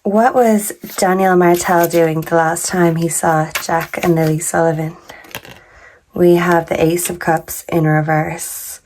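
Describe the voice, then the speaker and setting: A woman doing a casual tarot reading, her voice deeper than usual because she is sick, talking in a halting way and sometimes stumbling over words. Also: steady tone, noisy background. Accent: Canadian. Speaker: tarot reader.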